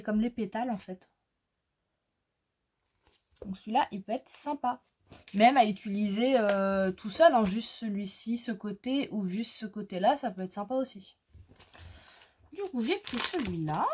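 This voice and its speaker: A woman chatting casually as she shows off her crafting haul, pausing often and searching for words. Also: medium pitch, a little mellow. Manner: slow, hesitant, many fillers. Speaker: crafting vlogger. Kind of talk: casual haul show-and-tell.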